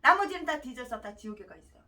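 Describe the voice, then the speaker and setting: A woman pastor preaching a sermon. She rants and lurches between shouting and muttering. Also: high voice, expressive, fast talker, recorded from a distance. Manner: ranting, abrupt swings between shouting and muttering.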